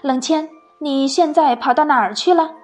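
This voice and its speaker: A furious emperor from a storybook barks out his orders, voiced by a woman storyteller. He sounds commanding and scolding, his lines pushed out loud and strong. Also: on the high side, animated, unhurried, faint music behind. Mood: demanding. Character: angry imperious male emperor.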